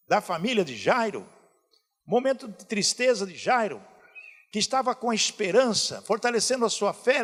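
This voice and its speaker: A man's voice: high-pitched, a bit bright. A male pastor preaching a sermon, asking the congregation questions as he goes. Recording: hall reverb.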